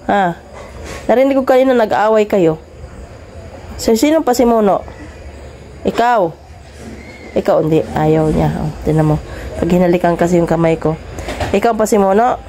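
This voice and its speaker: A woman filming her dogs at home, scolding them and calling them over in a chiding, coaxing voice, then talking more quietly to viewers. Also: mid-range voice, slight background noise. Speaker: dog owner filming her pets. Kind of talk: casual vlog narration.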